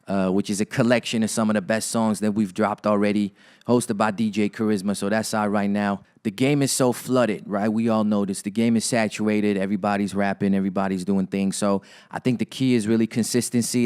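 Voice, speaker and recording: Low, smooth-voiced young rapper. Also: male voice, darkish tone. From Los Angeles area, Armenian heritage. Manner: laid-back hip-hop slang, repeats words as he thinks. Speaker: rapper, interview guest. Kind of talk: casual interview talk.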